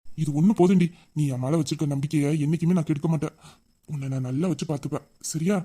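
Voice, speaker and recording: Guy doing a fiery protective young college dude, kinda high voice. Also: quick pace, natural voice. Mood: tender. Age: young adult. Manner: fierce scolding, then soft and low. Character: protective young college man, hot-tempered yet tender.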